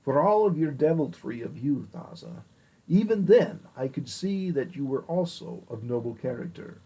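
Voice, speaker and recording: A man's voice: medium pitch, animated, normal speed, warm tone, slightly rough, rough recording. A man voicing a devout male ambassador who speaks earnestly and formally in an audiobook reading. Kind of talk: audiobook character voice.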